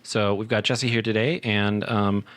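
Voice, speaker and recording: A man's voice: lowish voice, fairly even intonation, moderate pace, a bit bright, smooth. A man in his thirties who hosts a podcast, telling stories in an easygoing way and laughing often. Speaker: podcast host. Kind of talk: casual podcast banter.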